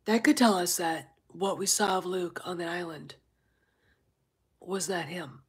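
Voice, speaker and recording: Rambling through a casual livestream full of fillers, a slightly congested woman keeps pausing to say hello to chat viewers. She speaks at a measured pace in a fairly low, very husky voice that often drops close to a whisper.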